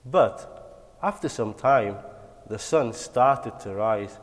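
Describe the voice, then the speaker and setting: A man telling religious bedtime stories to children like a kids' show host, animated and encouraging. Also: mid-range voice, slow pace. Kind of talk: dramatic bedtime religious storytelling. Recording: long hall-like reverb.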